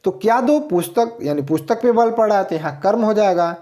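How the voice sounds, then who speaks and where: A man's voice: high-pitched, animated, fairly quick, mellow. A man teaching a grammar lesson for exam students, explaining step by step and asking and answering his own questions.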